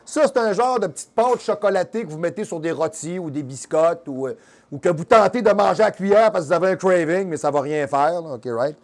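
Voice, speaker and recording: A man's voice: high voice, brisk, darkish tone. A man hosting a fitness show in a Québécois French accent, mixing coaching with crude, teasing jokes. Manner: joking, crude, teasing asides; instructive coaching during exercise demo. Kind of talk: comedic fitness show monologue.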